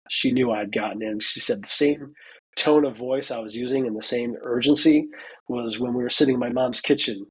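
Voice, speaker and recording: A man's voice: medium pitch, husky, poor audio. A man in his forties, a military veteran now in college, telling a story in a casual interview, with many fillers and acted-out quotes. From United States. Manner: chatty, lots of "you know" fillers, acts out quoted dialogue. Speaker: interview guest, veteran student.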